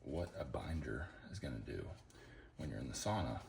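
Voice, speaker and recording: A man's voice: very deep voice, animated, moderate pace, gravelly, darkish tone, roomy sound, slight background noise. A man talking casually in a home fitness vlog, rambling with fillers. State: out of breath after sprints. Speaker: fitness vlogger. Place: at home, kids asleep nearby.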